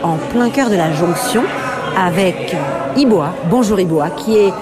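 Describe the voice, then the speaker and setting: A woman's voice: mid-range voice, measured pace, over loud music, over a noisy crowd. A woman hosting a radio interview, asking fluent leading questions. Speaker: radio host.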